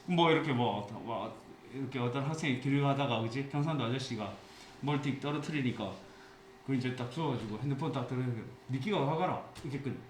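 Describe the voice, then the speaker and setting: A man teaching an English class with a Gyeongsang accent, explaining passages and telling jokey anecdotes in a lively way. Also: medium pitch, quick pace. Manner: lively, jokey storytelling, mixes English phrases into Korean. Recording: echoey classroom with faint hiss.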